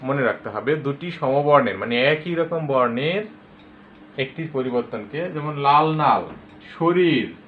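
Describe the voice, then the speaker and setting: A man teaching a grammar lesson to school students, patiently explaining and repeating example words with loud stress. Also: mid-range voice, lively intonation, measured pace, a little hiss or hum. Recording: tinny lo-fi phone-like recording.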